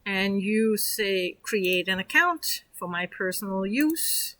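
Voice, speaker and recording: A Danish woman with a Danish accent and a mid-range, sharp voice takes things slowly, with lively intonation. As an online course instructor, she guides viewers through a casual screen-share tutorial, chatty and encouraging, with lots of fillers.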